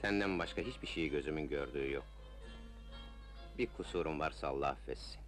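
A man's voice: extremely low pitch, fairly quick. An actor playing an ardent, resolute Ottoman officer in an old film melodrama, speaking in solemn, poetic declamation. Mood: lovestruck, tender. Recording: old film soundtrack with music. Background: film music.

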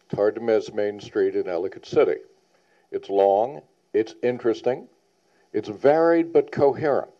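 A man on a planning panel gives a public presentation in a meeting hall, speaking at a fairly low pitch and moderate pace. He's earnest and emphatic, repeating his key points, and the recording sounds dull and lo-fi.

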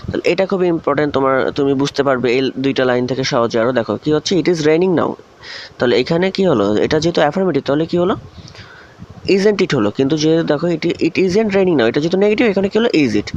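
A man's voice: on the high side, animated, quick pace, darkish tone. A man from Bangladesh teaching English grammar in a recorded video lesson, often asking questions and then answering them himself. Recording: dull lo-fi recording with faint hiss.

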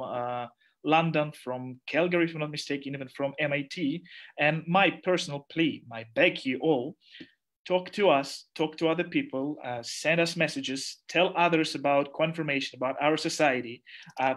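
A young man whose first language is Russian opens an online society event over a video call, introducing the speakers as organizer. His voice is fairly high and a bit bright. He gestures and searches for words while speaking through a headset in a small room at home.

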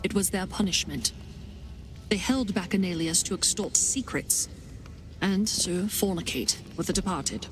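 An actress voicing a vengeful warrior queen in a video game, a grieving mother with iron will who speaks gravely and with command. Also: fairly low pitch, measured pace, natural voice. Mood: grim, vengeful. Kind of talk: video game character dialogue. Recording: music behind the voice.

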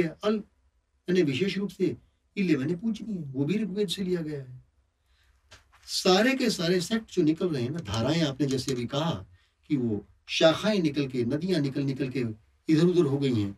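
A man at a religious gathering expounding his view with animated delivery. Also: on the high side, slightly rough, recorded from a distance. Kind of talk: discussion talk.

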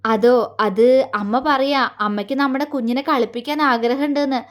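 Audio story: a shy, hesitant young wife, voiced by the narrator, soft and high. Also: female voice, steady tone, normal speed, close to an everyday voice.

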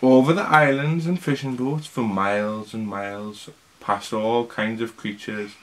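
A man's voice: mid-range voice, unhurried. A man at home chatting on a family vlog and reading a picture book aloud to his child, with dry teasing asides. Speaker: vlog co-host and dad. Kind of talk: casual chat and reading a bedtime story.

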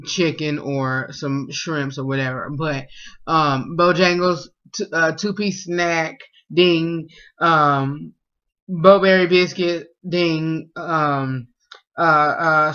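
A man's voice: fairly high pitch, pushed and bright. A young man, chatting casually at home as he reads out food questions and answers them with lots of fillers, recorded on a close webcam. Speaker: vlogger. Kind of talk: casual food tag vlog. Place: small room at home, indoors. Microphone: webcam at close range. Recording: dull lo-fi webcam audio.

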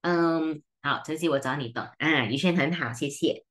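Woman tutor, Malaysian Mandarin accent, low voice, brisk and teasing, switches between languages. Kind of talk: online seminar lesson.

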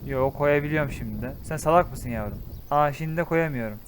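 A young man with a Turkish accent gives casual let's-play commentary, excitable and exclaiming, swinging from loud outbursts to low muttering. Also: fairly quick, heavy background noise. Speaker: gaming YouTuber.

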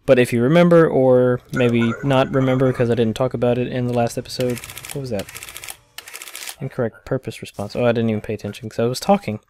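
A man's voice: medium pitch, steady tone, fast talker, warm tone, a little hiss or hum. A man casually commenting as he plays a video game, chatting and reading its text aloud. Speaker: let's play host.

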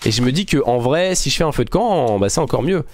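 A man's voice: mid-range voice, animated, fast talker, a little hiss or hum. Chatty man narrating his gameplay. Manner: chatty, thinking aloud while building; friendly, addresses viewers directly. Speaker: gaming channel host. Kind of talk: casual gameplay commentary.

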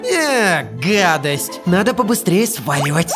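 A woman voicing a brave but easily flustered young male monster in an animated comedy dub, exclaiming melodramatically. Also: on the low side, slow. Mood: weary, disgusted. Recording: loud music and crowd noise behind.

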